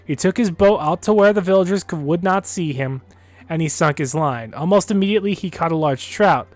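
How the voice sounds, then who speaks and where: A man's voice: high voice, fairly quick, darkish tone, no room sound. A man streaming a game, chatting and reading in-game books aloud. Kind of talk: casual gameplay commentary and reading aloud.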